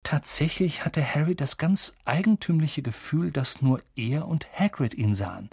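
A man narrating an audiobook in a lively, animated way. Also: on the high side, normal speed, no echo, clean studio sound. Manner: animated, breathy. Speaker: audiobook reader.

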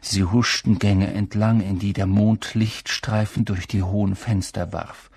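A man narrating an audiobook in an expressive storytelling manner. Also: lowish voice, a little slow, creaky, slightly rough, no echo, clean studio sound. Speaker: audiobook reader.

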